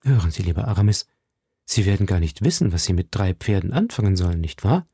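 A grave musketeer leader in a storybook reading, voiced by a man. He speaks calmly and with authority, close to the reader's own register. The voice is gravelly and dry, with an animated lilt. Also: sits low, quick pace, no room sound, heavily acted. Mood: wry. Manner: calm, commanding.

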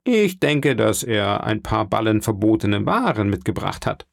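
A scheming, cunning man talks in a sly, insinuating way, as a male audiobook narrator puts him on. The voice is low and gravelly, and the dry recording keeps it close and plain. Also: sing-song, unhurried, no room sound, full character voice. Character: scheming, cunning adult male ship's accountant.

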